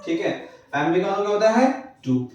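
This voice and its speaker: A man's voice: sits high, very animated, fairly quick, a little mellow. A male English teacher lecturing a class, who keeps asking his students questions and answering them himself. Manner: repeats checks like "clear hai". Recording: echoey classroom, far from the mic.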